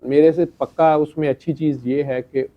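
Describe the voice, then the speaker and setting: A man's voice: on the high side, steady tone, moderate pace. A middle-aged man tells a chatty anecdote to a gathering, acting out the dialogue and laughing between lines. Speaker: speaker addressing a gathering. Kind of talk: storytelling talk. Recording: dull lo-fi sound.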